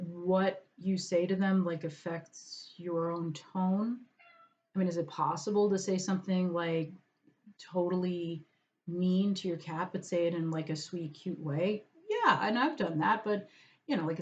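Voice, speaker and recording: A woman's voice: fairly low pitch, darkish tone. Chatty woman with a muffled, lo-fi sound. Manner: chatty, meandering, talks to her cat aside. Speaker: vlogger. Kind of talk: casual chat over lunch. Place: at home.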